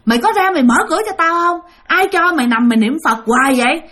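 Woman putting on a shrill, wheedling female ghost. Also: animated, normal speed, fairly bright tone. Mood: furious. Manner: shrill wheedling calls turning to screamed curses. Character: vengeful female ghost, coaxing then cursing.

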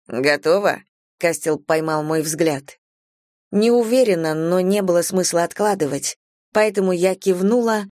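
A woman reading a novel aloud in the first person, her voice on the low side and her pacing measured. The recording is close and dry, with no room sound. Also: darkish tone, no echo. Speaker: audiobook narrator. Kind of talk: scripted narration.

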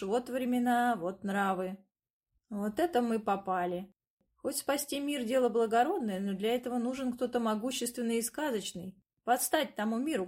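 A woman tells a first-person fantasy story as audiobook narration. Her delivery is lively, and she gives the narrator's asides an ironic edge. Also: on the high side.

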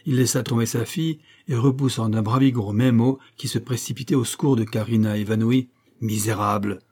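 Man reading an old novella, steady even pace, warm dark tone. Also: mid-range voice, brisk, slightly rough. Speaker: audiobook reader. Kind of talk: scripted narration of a classic novella.

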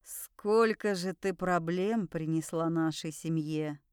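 A woman's voice: fairly low pitch, takes it slowly, a little mellow, clear, resonant tone, no echo, clean studio sound, voice pushed down. A woman voicing a sugary, spiteful middle-aged noble uncle who speaks through clenched teeth, in an audiobook. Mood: sugary menace.

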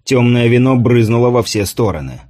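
A man narrating an audiobook in a steady storytelling manner. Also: medium pitch, moderate pace. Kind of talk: scripted narration.

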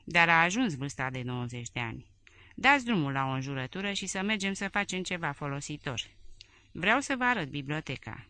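A woman's voice: deep voice, very animated, sharp tone, dry recording, exaggerated voice. A woman voicing an aging male head of state who barks orders and rants indignantly. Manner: barking, indignant.

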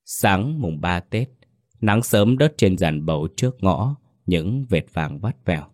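A man narrating a scripted horror story in a measured, suspenseful way. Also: deep voice, expressive, no echo. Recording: dry voice with faint music under it.

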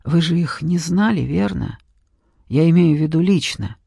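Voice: mid-range voice, animated, moderate pace, vocal fry, dark tone, husky, no echo, studio quality, exaggerated voice. A reader voicing a young woman apprentice mage who pleads earnestly, frightened yet determined. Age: young adult. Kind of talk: audiobook reading.

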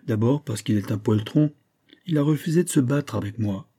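A stubborn young man, fearless and hopelessly in love, speaks with grave intensity, as a male reader voices him. The voice is dark and soft-edged, with a husky grain, as in a spoken storybook. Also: medium pitch, normal speed.

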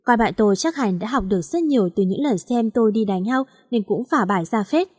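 A woman narrates a first-person story with lively energy, slipping into the characters' lines. Her voice sits a little high, and the close microphone leaves the sound dry and free of room echo. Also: brisk. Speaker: story reader.

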